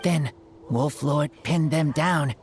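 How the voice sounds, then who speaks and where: Low-voiced, clipped wolf-boy hunter. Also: slow pace, darkish tone, faint music behind. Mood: focused. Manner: simple clipped broken-English phrasing. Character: wolf-raised boy hunter, earnest, loyal, terse. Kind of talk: video game voice acting.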